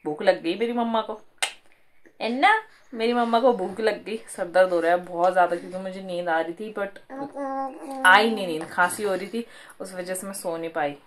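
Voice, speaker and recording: A woman's voice: fairly low pitch, fairly even intonation, fairly quick. A young woman, a mother, chatting casually to viewers in a home vlog, often adding little tag questions. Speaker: vlogger and mother. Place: home bedroom.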